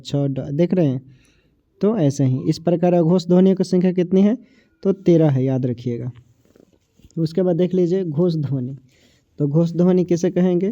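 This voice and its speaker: A man with a Bihari Hindi accent teaches a grammar lesson. His voice sits fairly high but sounds very dark and mellow, and it is recorded dry and a little dull, like a lo-fi mic. He repeats his points and stretches out each sound as he says it. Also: dry recording. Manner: repetitive, asks and answers his own questions; drags out sounds when saying them. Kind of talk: exam-prep grammar lesson.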